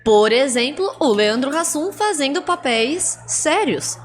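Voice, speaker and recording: A young woman co-hosting a podcast, chatting in a quick, expressive, playful way. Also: high voice. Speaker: podcast co-host. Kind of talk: casual chat.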